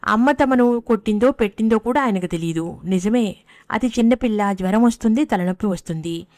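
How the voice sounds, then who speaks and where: A woman narrating a story in a measured, even reading. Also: medium pitch, no room sound, studio quality.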